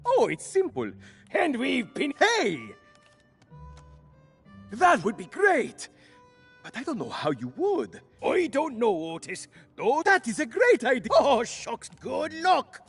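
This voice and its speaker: An actor playing a lonely, jittery male prisoner in a video game, raspy and rambling with nervous eagerness. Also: very high-pitched, huge pitch swings, slow pace, a bit bright, soft background music, full character voice. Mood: hopeful. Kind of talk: video game character acting.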